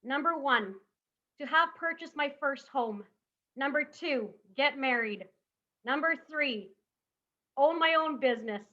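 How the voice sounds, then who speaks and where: A woman's voice: high voice, animated, measured pace, long pauses, sharp tone, highs cut off. A woman in her thirties giving a motivational summit talk, emphatic and full of rhetorical questions. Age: 30s. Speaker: summit speaker.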